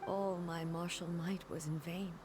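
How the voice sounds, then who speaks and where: A woman's voice: fairly low pitch, steady tone, music in the background. An actress voicing a solemn, regal female god-ruler in a game, speaking with grave resolve. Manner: slow, measured, grave delivery. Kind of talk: game character dialogue.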